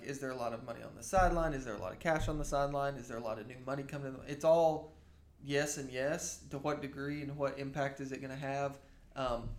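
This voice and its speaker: A man gives conversational financial commentary as a podcast co-host. His voice is medium in pitch, and he speaks a little haltingly, reshaping phrases as he goes.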